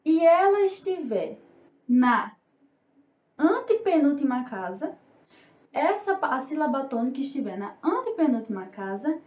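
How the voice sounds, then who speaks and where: Pitched high but with a darkish tone, this Brazilian woman teaches young children remotely as a primary school teacher. She elongates syllables and poses questions only to answer them herself in a sing-song style. Audio quality is lo-fi, dull, roomy and far off.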